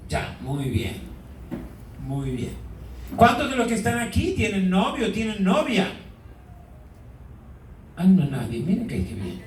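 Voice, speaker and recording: Priest, male, high voice, drawn-out emphatic preaching; caught from afar in a roomy church. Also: sing-song. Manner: asks the congregation questions, drawn-out emphasis. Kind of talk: sermon. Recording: echoey hall, mic far off.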